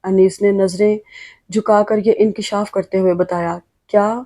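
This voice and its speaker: A woman narrating a romance novel with calm, expressive reading. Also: medium pitch. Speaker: audiobook narrator.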